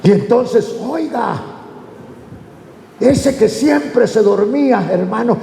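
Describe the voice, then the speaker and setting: Slow, gravelly pastor. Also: male voice, extremely high pitch, lively intonation, warm tone, a little hiss or hum. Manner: folksy, conversational, addresses the congregation as brother. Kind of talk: sermon. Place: church. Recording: echoey church hall, faint ambience.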